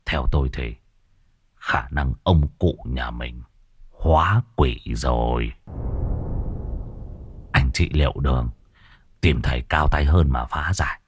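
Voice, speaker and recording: A man voicing an elderly village exorcist who speaks low, halting and terse with grim foreboding. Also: husky, heavily acted. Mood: grave, ominous.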